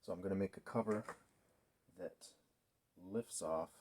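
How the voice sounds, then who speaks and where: Clicks and workshop noise fill the recording as a man in his thirties, host of a DIY channel, narrates a build in his garage. His voice is low and a little slow, and he thinks out loud informally while working.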